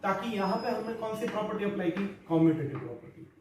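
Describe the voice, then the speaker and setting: A man's voice: high-pitched, fast talker. A man teaching a maths lesson to school pupils, explaining each step patiently and mixing English into Hindi. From India. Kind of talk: recorded online maths lesson. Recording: echoey, distant room mic with faint noise.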